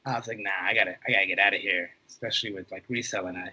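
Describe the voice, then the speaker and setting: Talking very fast, this interview guest, a twenty-something reseller born in Mexico and raised in the US from age three, keeps the chat casual, telling informal stories and quoting his own thoughts. His low-pitched voice is steady, husky, and pushed and bright.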